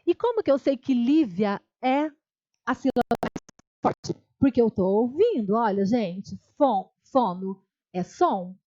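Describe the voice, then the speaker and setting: A woman's voice: fairly high pitch, lively intonation, takes it slowly, dark tone, dull audio. Patient Brazilian woman teaching grammar. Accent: Brazilian Portuguese. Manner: patient, step-by-step, repeats key terms and checks in with students. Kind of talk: online exam-prep lecture.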